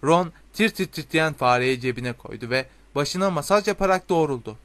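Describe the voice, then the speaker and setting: A man reading a storybook aloud in a steady, expressive way. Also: fairly high pitch, normal speed. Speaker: audiobook narrator. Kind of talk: storybook narration.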